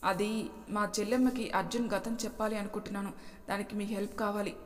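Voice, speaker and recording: A woman's voice: medium pitch, fairly even intonation, a little fast, lightly acted. A woman voicing Chanti, a shy flirting village man. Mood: polite. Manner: polite, shyly flirting. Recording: long hall reverb.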